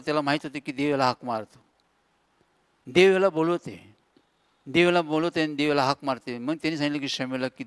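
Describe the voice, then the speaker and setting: A man's voice: on the high side, no room sound. A middle-aged man, a pastor preaching a sermon in an emphatic, repetitive style with lists and calls to listeners. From India.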